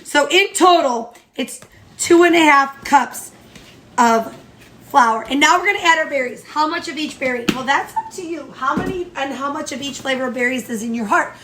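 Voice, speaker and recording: A woman with a high voice and a blocked, nasal tone from allergies talks through each step of a recipe. She sounds chatty and upbeat, like a casual home cooking vlog. A faint hum of room noise sits underneath. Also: normal speed, fairly bright tone. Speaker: home baking vlogger. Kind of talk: casual cooking tutorial chat.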